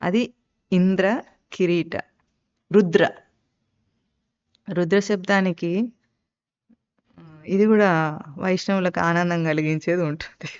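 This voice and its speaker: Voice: mid-range voice, steady tone, slow, pauses often, clear, resonant tone. A spiritual teacher giving a live scripture discourse. The teacher poses rhetorical questions, answers them, and explains Sanskrit terms. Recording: dull lo-fi recording.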